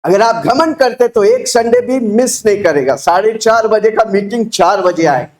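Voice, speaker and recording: Indian guy preaching, high voice, booming and exhorting, keeps telling the crowd to repeat after him. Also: animated, moderate pace. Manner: booming, exhorting delivery with shouted prompts for the congregation to repeat; repeats phrases and fires rhetorical questions at listeners. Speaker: preacher leading a church congregation. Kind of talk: loud call-and-response sermon.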